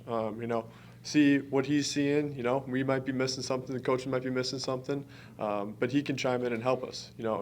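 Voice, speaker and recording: A college basketball player in his early twenties from Wisconsin, United States, answers press conference questions earnestly and informally. His voice is medium-pitched and a little mellow, with slight background noise.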